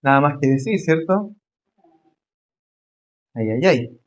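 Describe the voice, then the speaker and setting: Male pastor, sermon, fairly high voice, emphatic rising questions, slow stressed repeats. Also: animated.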